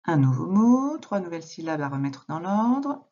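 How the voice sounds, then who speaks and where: A woman teacher recording a reading lesson for a young child at home, speaking slowly and patiently, addressing the child directly. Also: on the low side, sing-song, mellow, dull audio. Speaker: primary school teacher.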